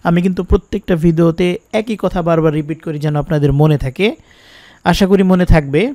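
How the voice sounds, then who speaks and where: A man teaching Quran reading who spells out each letter and vowel slowly, then explains the pronunciation rules. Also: fairly high pitch, warm tone, dry recording, studio quality.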